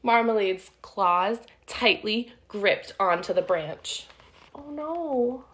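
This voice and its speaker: In her living room, a medium-pitched woman in her thirties reads a picture book aloud to young children. Her child-directed delivery is animated, slow, deliberate and sing-song, sprinkled with friendly asides, and she's recorded on a phone or webcam at arm's length.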